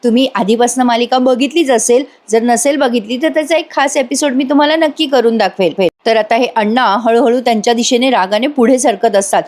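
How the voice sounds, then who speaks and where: A woman's voice: on the high side, brisk, few pauses, a little mellow. A woman giving a casual voice-over retelling of a TV serial episode, talking straight to the viewers. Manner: chatty, addresses viewers directly. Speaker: serial review voice-over narrator.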